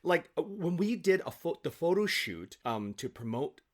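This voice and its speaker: On a remote call from a home office, a man who is probably middle-aged speaks in a slightly high voice. As an interview guest he shares anecdotes in a casual, animated, self-deprecating and halting manner.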